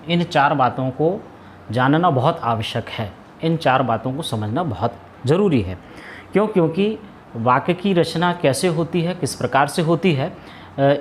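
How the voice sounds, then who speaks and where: Hindi teacher explaining with self-posed questions. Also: male voice, fairly high pitch, slight background noise. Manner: explains step by step, asks and answers his own questions; frequent hesitations and restarts. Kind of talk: classroom lesson.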